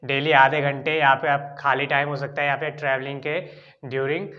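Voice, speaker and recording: A man's voice: mid-range voice, flat delivery, fairly quick, lo-fi sound. A man with an Indian accent teaching an English lesson, explaining step by step and often checking in with "ठीक है". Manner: repeats "ठीक है" often as a filler.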